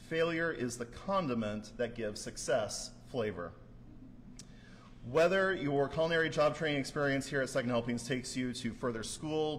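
Board member man addressing graduates, measured and formal; reverberant hall. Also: mid-range voice. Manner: measured, formal with occasional fillers. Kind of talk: prepared ceremony speech. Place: large hall at a graduation ceremony. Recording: echoey hall with faint noise.

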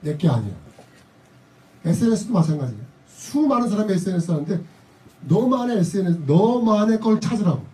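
A man's voice: sits high, very animated, a little fast, dark tone. A middle-aged man giving a motivational seminar speech to a live audience, emphatic and repeating his key phrases, often slipping into blunt casual talk. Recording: voice a bit distant from the mic.

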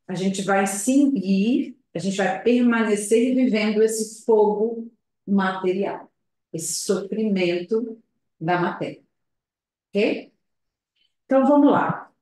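A woman gives a public talk at a spiritist center over a video call. She speaks in a slow, reflective, hesitant way, often adding tag questions. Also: medium pitch, a little mellow. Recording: very echoey room.

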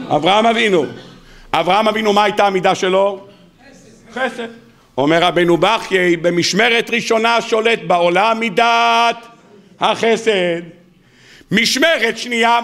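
This rabbi's voice sits high and has a creaky edge, and he has an Israeli Hebrew accent. Before an audience in a synagogue or study hall, he gives an animated, humorous weekly Torah sermon, regularly asking questions and supplying the answers, and mimics the people he quotes in a raised, mocking tone.

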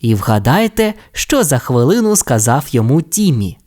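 A man narrating a children's audio tale in an expressive, friendly way. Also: medium pitch, moderate pace. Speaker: storyteller. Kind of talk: scripted children's story narration.

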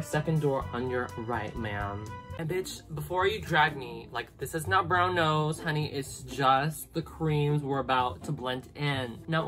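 Sassy deep-voiced woman doing makeup. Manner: sassy, profane, dramatic exclamations. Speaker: makeup vlogger. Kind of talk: casual makeup tutorial. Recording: music playing underneath.

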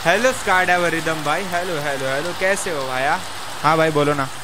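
A young man talking casually on a live game stream, excitable, joking and pleading with the other players. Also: fairly high pitch, normal speed, background noise. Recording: game music playing behind the voice.

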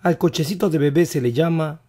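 A male teacher leads a vocabulary quiz, saying each English word slowly and with care while his voice still sounds not quite recovered. His pitch runs on the high side, with a dark tone.

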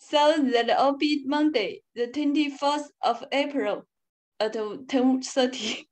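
A woman's voice: high voice, slow pace. A woman student nervously reading an English sentence aloud in an online class.

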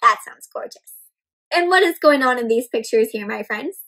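In a room with houseplants, a young woman reads a picture book aloud to small children, her voice fairly high and her pace normal. She is animated and full of questions, treating her young viewers like friends, with exaggerated gasps and stretched-out words.

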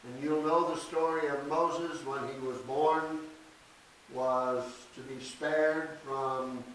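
An older man preaching a sermon at a church podium, reading scripture slowly and deliberately with emphatic stresses. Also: a little high, fairly even intonation, fairly bright tone. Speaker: pastor. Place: small church sanctuary. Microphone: podium mic from a distance. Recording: echoey church, distant mic, faint hiss.

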